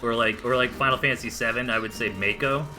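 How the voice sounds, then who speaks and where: Bright-voiced Southern US game caster. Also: male voice, mid-range voice, little pitch movement, fast, soft background music. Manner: chatty play-by-play, drifts into asides. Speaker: esports caster. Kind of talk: live game commentary.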